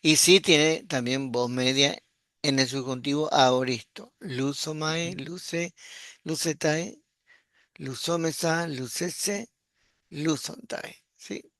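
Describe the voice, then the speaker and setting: A man teaching a Greek grammar class online, explaining patiently and often checking in with a quick question. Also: a little high, a bit bright, dry recording, studio quality. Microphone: computer mic while screen sharing.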